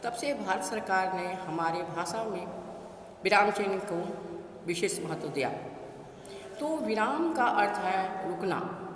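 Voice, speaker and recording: Slow-speaking woman teacher, echoey room. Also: mid-range voice, lively intonation. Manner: slow, deliberate dictation. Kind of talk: classroom lesson. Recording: echoey room with faint noise.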